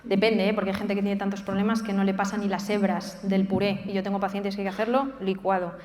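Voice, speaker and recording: A woman with a medium-pitched, fairly dark voice speaks quickly and evenly. As a nutrition specialist answering questions, she explains things casually and keeps checking that she's being followed. The recording sounds like an echoey hall with long reverb.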